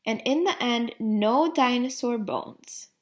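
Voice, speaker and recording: Reading a picture book to children in a teacherly way, a woman takes her time and poses questions to the young audience. Her voice is on the high side.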